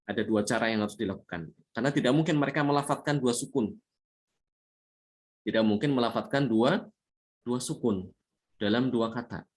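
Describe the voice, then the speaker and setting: Man teaching Quran recitation. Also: medium pitch. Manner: explains patiently, repeats points with frequent "ya", chants Arabic examples slowly. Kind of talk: classroom tajwid lesson.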